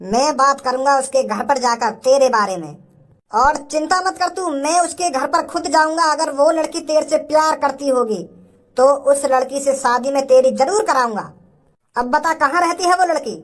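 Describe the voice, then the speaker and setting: A woman's voice: high voice, moderate pace, lightly acted. A woman voicing a stern middle-aged cartoon father who scolds and bosses the young men around. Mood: bossy. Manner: scolding, bossy. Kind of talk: cartoon comedy dubbing.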